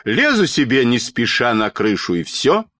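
A man voicing a spry, stubborn old woman in a storybook reading, speaking in a high, dignified, scolding way. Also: huge pitch swings, moderate pace, a bit bright, no echo.

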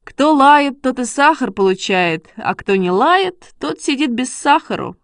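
A woman voicing an excitable schoolboy who coaxes and exclaims while training his dog, read as a storybook. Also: sits high, a little slow, dry recording, studio quality, voice pushed up. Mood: eager. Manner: eager, coaxing, exclaiming. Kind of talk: storybook reading.

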